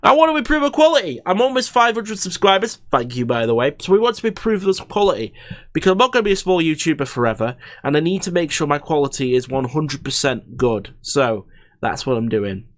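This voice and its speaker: A man's voice: fairly high pitch, sing-song, a little fast, dry recording. Chatty young man with a dry close mic. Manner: chatty, rambling, frequent fillers and restarts. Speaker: gaming YouTuber. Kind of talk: casual let's-play commentary. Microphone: desk microphone in front of him.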